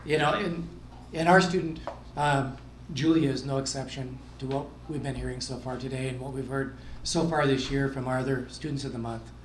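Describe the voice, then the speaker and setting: The speaker is a school district official introducing a student for an award at a school event, with enthusiasm and pride. His medium-pitched voice keeps a steady tone and moderate pace. There's a little hiss or hum, and the echoey room carries faint ambience.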